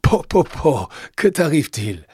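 A man's voice: mid-range voice, lively intonation, normal speed, darkish tone, slightly rough, no echo, clean studio sound, pitched above the performer's own voice. A man voicing a kindly, teasing old grandfather with a bad back. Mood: amused. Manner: playful, amused.

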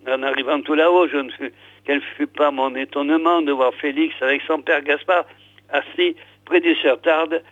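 A man's voice: on the high side, steady tone, moderate pace, no room sound. An older man hosting a radio show and reading a book aloud, hesitating often with fillers. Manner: hesitant, full of "alors" and "euh". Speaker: radio host. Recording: tinny phone-like radio sound, dry.

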